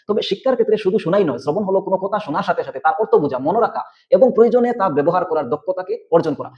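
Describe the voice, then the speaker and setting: Fast-talking male teacher. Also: a little high, a little mellow, dull audio. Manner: explanatory, repeats "ঠিক আছে?" checks. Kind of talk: exam-prep lecture.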